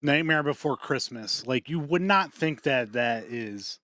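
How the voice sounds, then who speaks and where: A man co-hosting a podcast in casual chat, rambling and swearing often, with quick laughs between points. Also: mid-range voice, animated, sharp tone, dry recording, studio quality. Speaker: podcast co-host.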